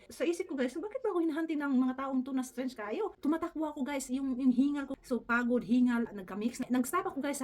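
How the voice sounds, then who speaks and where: A woman vlogger telling a story in a casual, earnest way, often addressing her viewers as "guys" and mixing English into her talk. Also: high voice. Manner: fast, earnest, keeps saying "guys", mixes English in.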